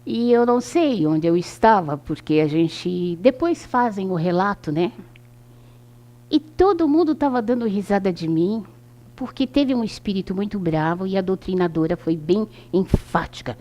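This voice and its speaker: Older Brazilian woman with lively pitch. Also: normal speed. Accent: Brazilian Portuguese. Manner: anecdotal, acts out quoted dialogue. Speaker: lecturer at a spiritist center. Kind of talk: informal talk to a group.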